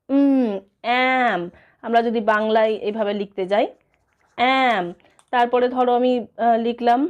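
A woman's voice: high-pitched, a little mellow. Chatty woman teaching letter sounds. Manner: chatty, asks and answers her own questions; sounds out letter sounds in a sing-song. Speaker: teacher giving tips. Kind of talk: casual explainer video.

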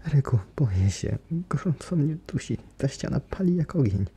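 A man voicing a terrified young woman who pleads, breathless and high-strung, in an ASMR bedtime storybook reading. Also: big pitch swings, normal speed, warm tone, husky, full character voice.

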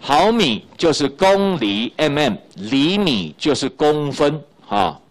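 A middle-aged man with a Taiwanese Mandarin accent teaching high school physics in a recorded lecture, chatty, tagging lines with little fillers and repeating key points. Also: very animated, takes it slowly.

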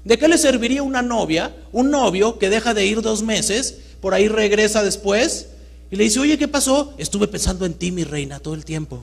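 A man giving a live talk to an audience, swinging between loud emphatic bursts and hushed storytelling. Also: sits high, animated, moderate pace, gravelly. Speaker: motivational speaker. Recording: reverberant hall with mains hum.

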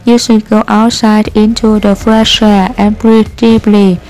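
A woman reading the part of a patient adult schoolteacher, explaining calmly in a slow, steady read with hesitant fillers. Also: medium pitch, close to an everyday voice, rough recording.

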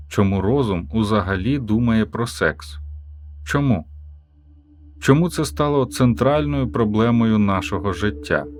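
A man with a fairly low voice reads a philosophical talk aloud as an audiobook. His delivery is measured and emphatic, built on rhetorical questions. Soft music plays quietly behind him. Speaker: audiobook narrator.

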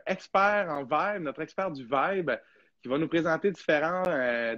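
A man's voice: medium pitch, fairly bright tone, no room sound, lo-fi sound. A young man with a Québécois French accent hosting a casual live podcast, chatty and rambling with lots of fillers. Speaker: podcast host.

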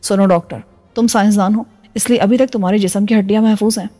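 A woman's voice: mid-range voice, steady tone, fast talker, warm tone, faint music behind, close to an everyday voice. A woman voicing a brutal, menacing male security chief in a storybook reading, growling her threats.

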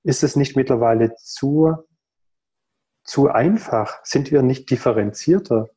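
Man in his thirties on a video call, mellow and warm, thoughtful and earnest delivery with pauses. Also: mid-range voice. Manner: thoughtful, earnest, rhetorical questions, many pauses. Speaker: guest in a video call conversation. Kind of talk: reflective conversational explanation. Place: home room.

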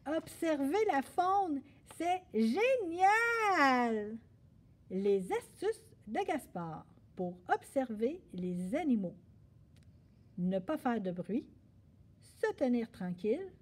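A woman reading a picture book aloud at a library story hour, expressive and animated. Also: a little high, husky.

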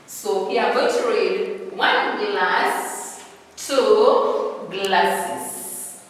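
A woman teaching kindergarten pupils at a chalkboard, repeating words slowly and clearly for young children. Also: mid-range voice, a little hiss or hum. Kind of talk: slow, drawn-out classroom teaching. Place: classroom with a chalkboard. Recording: echoey room from far off.

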